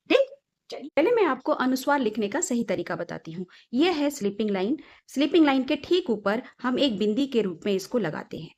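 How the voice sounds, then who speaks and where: A young woman with a slightly high voice gives a lesson to small children. She talks in an emphatic, sing-song way. She asks questions and answers them herself. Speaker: teacher.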